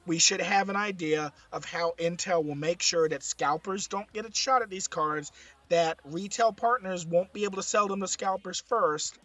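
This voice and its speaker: A man presenting tech commentary with a hoarse, strained voice that is giving out, stressing his points by repeating them. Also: high-pitched, normal speed, a bit bright, dry recording, soft background music. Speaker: streamer, presenter. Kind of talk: slide-based tech commentary.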